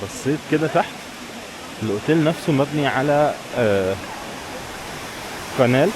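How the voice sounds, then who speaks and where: With a mid-range, animated voice at a moderate pace, this travel vlogger chats informally to his viewers and addresses them directly. He has an Egyptian Arabic accent and is outdoors in town, where street and traffic noise comes through clearly.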